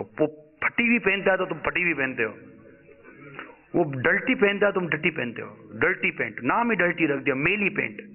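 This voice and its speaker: A man delivers a scolding sermon into a microphone, his voice sitting high for a man. He moves between low, muttered asides and raised rhetorical outbursts. The recording sounds thin and tinny, like a phone line. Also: gravelly. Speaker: preacher.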